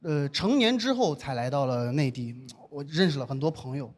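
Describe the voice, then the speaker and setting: A man's voice: fairly high pitch, normal speed. A young man from Xinjiang performing a stand-up routine on a live comedy stage, telling stories with stammering repeats. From Xinjiang, China. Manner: animated storytelling with stammering repeats. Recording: live stage recording with audience noise.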